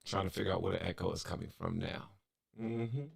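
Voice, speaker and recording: A man's voice: low voice, steady tone, a little fast, vocal fry, husky. A man hosting a casual live stream, his voice coming through with a robotic, metallic audio glitch. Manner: laid-back, says y'all. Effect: robotic, metallic-sounding audio glitch.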